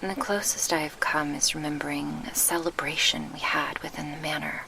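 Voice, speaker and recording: Close to a binaural mic, a woman acts a gentle succubus guardian grieving her lost past in a soft ASMR roleplay, in a wistful, reflective mood. Her low voice has fairly even intonation and a breathy murmur, with formal, measured, old-fashioned diction, and background noise is present.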